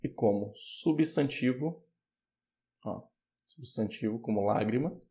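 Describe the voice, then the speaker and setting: In an online pronunciation lesson, a man with a Brazilian Portuguese accent teaches English, patiently explaining and slowly repeating words. His voice sits in the mid range and has a warm tone.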